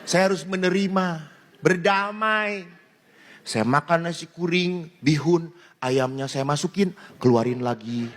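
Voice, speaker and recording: A priest with a slightly high voice delivers a humorous, story-style sermon at an unhurried pace. He's animated and laughs often while telling jokes, recorded in a reverberant hall with faint ambience.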